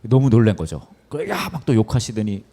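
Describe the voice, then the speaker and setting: A man voicing a rough male phone scammer who curses and makes threats. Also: medium pitch, very animated, a little fast, dark tone. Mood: threatening. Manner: snarling, cursing. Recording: long hall reverb.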